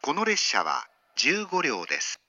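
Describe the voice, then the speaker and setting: Man, train station announcement, dry, lively pitch. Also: no room sound, soft background music. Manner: slow, formal, measured announcer delivery. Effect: recorded train station platform announcement. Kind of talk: automated platform announcement.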